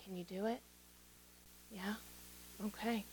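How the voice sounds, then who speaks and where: A woman pastor giving a children's sermon in a gentle, playful way, sometimes dropping to a soft near-whisper. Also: medium pitch, fairly even intonation, slow, slight background noise. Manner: gentle, playful, talks down to kids' level.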